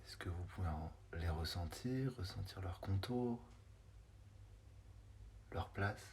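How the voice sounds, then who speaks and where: A man with a low, gravelly, darkish voice leads a guided body scan meditation against slight background noise. He moves slowly through short phrases, pausing between them and sometimes hesitating before going on.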